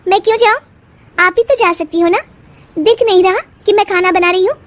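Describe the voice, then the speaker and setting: A woman voicing a sharp-tongued, defiant young wife in a cartoon, with shrill retorts. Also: animated, normal speed, no echo. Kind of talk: cartoon voice acting.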